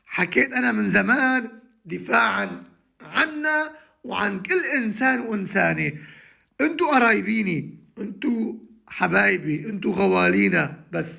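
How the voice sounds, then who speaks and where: A man with a Syrian accent, delivering an emotional live monologue from home, halting with many restarts and trailing words. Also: high-pitched, gravelly, sharp tone. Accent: Syrian Arabic. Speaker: livestream host addressing followers.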